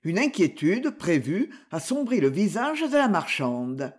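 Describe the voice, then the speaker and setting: A narrator reading a mystery novel aloud in an expressive, scripted style. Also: mid-range voice, a little slow, slightly rough. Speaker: audiobook narrator.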